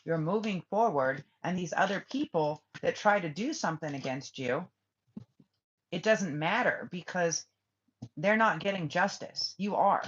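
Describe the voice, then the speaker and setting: A somewhat bright, medium-pitched voice belongs to a spiritual reader chatting loosely on a live stream. Half-formed thoughts circle and restart before she fires off blunt, profane responses to the chat. The sound is dull and lo-fi, like a muffled stream.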